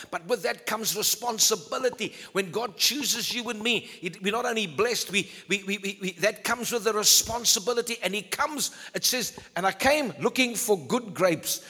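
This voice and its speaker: A male pastor preaching a sermon emphatically, swinging between loud declarations and low, intense tones. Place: church hall. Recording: long hall reverb.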